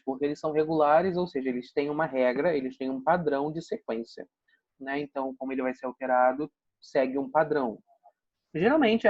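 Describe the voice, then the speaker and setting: Husky-voiced Brazilian man teaching English. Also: on the high side, darkish tone. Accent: Brazilian Portuguese. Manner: patient, explanatory, tags sentences with "né?" and "tá?". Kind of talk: recorded online grammar lesson. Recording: dull, lo-fi, dry recording.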